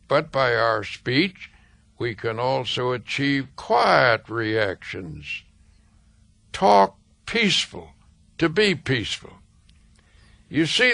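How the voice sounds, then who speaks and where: A man reading a self-help book aloud as scripted narration, slow, measured and soothing, with deliberate pauses. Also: a little high, vocal fry, sharp tone, no echo. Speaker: audiobook reader.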